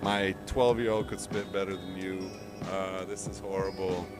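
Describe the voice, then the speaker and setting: A rambling, profane low-voiced man. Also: flat delivery, normal speed, music in the background. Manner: profane, rambling, stumbling restarts. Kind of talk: casual chat at a listening party.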